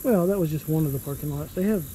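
A woman's voice: deep voice, fast talker, dark tone, slight background noise, low-quality recording. A woman making brief offhand comments off camera while walking an outdoor trail, heard away from the camera mic. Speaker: walking companion. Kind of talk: casual remarks off camera.

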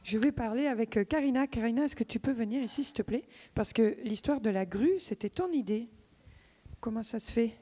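A woman's voice: on the high side, a little fast, dark tone. A woman teacher explaining her class's project on stage at a ceremony, a little hesitant. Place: large auditorium. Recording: echoey hall.

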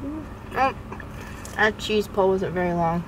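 A woman's voice: medium pitch, expressive, slow pace, background noise. A woman vlogger giving casual, upbeat tasting comments with her mouth full while chewing. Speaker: vlogger host. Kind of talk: casual food-tasting vlog.

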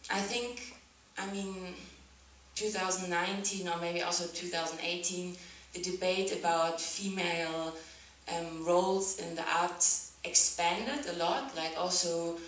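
Her voice is fairly low and a bit bright as this German woman, an artist guest at a festival, gives a casual, thoughtful talk from a sofa on a theatre stage, handheld mic in hand, before an audience. She laughs a lot and fills her speech with "like" and "um." The very echoey hall, her distance from the camera and slight background noise color the sound.

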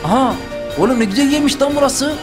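A man doing live gameplay commentary for his channel, panicky and excitable, with loud exclamations and slangy asides. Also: very high-pitched, fast talker. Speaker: gaming YouTuber. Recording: clear music underneath. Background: game background music.

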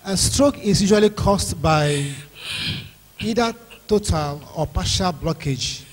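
Actor as a doctor, formal and apologetic, high lively voice, reverberant hall. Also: male voice, takes it slowly, heavily acted. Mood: explaining. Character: formal doctor demanding a deposit. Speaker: stage actor. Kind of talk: stage drama acting.

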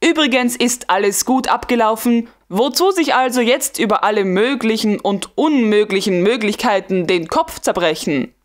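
A man's voice: high voice, moderate pace, few pauses, close to an everyday voice. A woman reading a smug, carefree lieutenant. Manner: calm, self-satisfied, teasing. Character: smug, carefree young male guard lieutenant. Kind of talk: audiobook dialogue.

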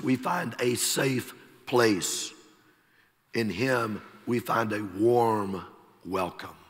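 A middle-aged man with a Texas accent, preaching a sermon slowly and emphatically, letting his phrases fall away softly at the ends. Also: lowish voice. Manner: slow, emphatic preaching with soft trailing endings. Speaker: pastor. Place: large church sanctuary. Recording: long church hall reverb.

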